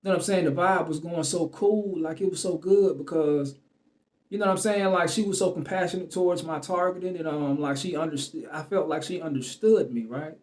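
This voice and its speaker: A man with a fairly high, darkish voice talks fast as he tells the camera a personal story. He rambles loosely, leaning on fillers like "you know what I'm saying," restarting and letting sentences trail off.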